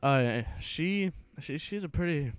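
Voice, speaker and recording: A gaming vlogger in his late teens rambles through a profane school story while playing a game, restarting his sentences casually. His voice is on the high side, slow, and clean, with lively intonation. There's no room sound, only faint music in the background.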